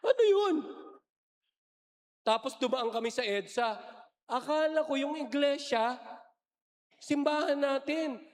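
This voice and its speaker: A man's voice: very high voice, a little slow, long pauses. A man giving a playful, joking sermon-style talk to a congregation, coaxing them into call-and-response. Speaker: lay preacher giving a parish retreat talk. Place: large church. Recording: echoey church hall.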